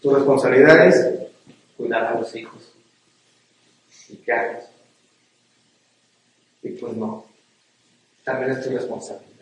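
A middle-aged man with a Mexican accent preaching a sermon to men, earnest and repeating himself for emphasis, often checking in with "¿sí?". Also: a little high. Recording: very echoey hall, speaker far from the mic.

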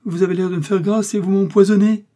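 Poisoned soldier at death's door, read by a man: anguished, accusing, husky and dark. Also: level tone, quick pace. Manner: strained, high, pleading cries. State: agonized, accusing.

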